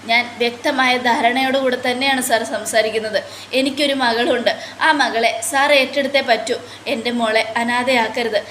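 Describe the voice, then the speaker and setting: A woman speaks as a gravely ill young mother from a TV serial, earnest and pleading, her voice set a little high. The words come through a roomy, echoing space. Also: fairly even intonation, normal speed, a bit bright, slight background noise, close to an everyday voice. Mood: anguished. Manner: earnest, pleading retelling of dialogue. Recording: roomy echo.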